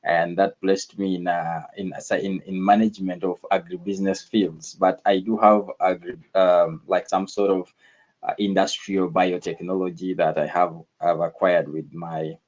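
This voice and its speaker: A man from northern Uganda with a very low voice, talking as a radio guest. He speaks in a measured way and keeps pausing on fillers. The recording sounds dull and lo-fi. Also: level tone. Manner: measured, frequent uh fillers and repeated words. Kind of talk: conversational interview.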